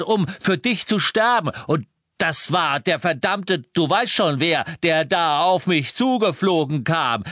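A man's voice: sits high, bright, forceful tone, no echo, studio quality, exaggerated voice. A man playing a cowardly, shifty small-time crook wizard who whines, cusses and talks defensively. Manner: whiny, defensive, cursing. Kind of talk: audiobook character voice.

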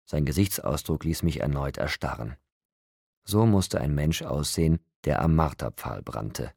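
A man narrating an audiobook in the first person, telling the story in a measured, steady way. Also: very deep voice, vocal fry, husky, dry recording, studio quality.

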